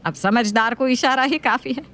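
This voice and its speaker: A woman's voice: a bit bright, close to an everyday voice. Woman doing a nagging old mother-in-law. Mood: scolding. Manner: scolding, slow and lower-voiced.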